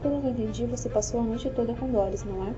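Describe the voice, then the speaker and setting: A woman's voice: fairly high pitch, quick pace, lightly acted. A woman voicing a jealous young man who accuses his fiancée in an audiobook reading. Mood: probing. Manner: accusing, insistent. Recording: dull lo-fi with faint music.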